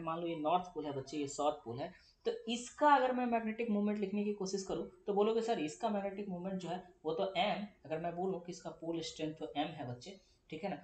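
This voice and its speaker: A young male physics teacher, lecturing chattily and answering his own questions for the students. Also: a little high. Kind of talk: classroom lecture. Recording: echoey room.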